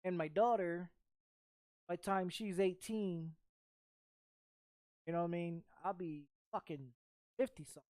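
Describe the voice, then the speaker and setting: This clip catches the same Texan streamer in her thirties, casual and foul-mouthed, circling over familiar phrases. Here her voice is lowish and a bit mellow, unhurried and fairly level, with long pauses and clean studio sound free of room noise.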